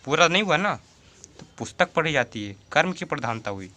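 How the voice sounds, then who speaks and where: Lively, bright-voiced male Hindi teacher. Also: fairly high pitch, fairly quick. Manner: repeats examples and asks rhetorical questions; addresses the viewer as 'bhai'. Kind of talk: Hindi grammar lesson for students.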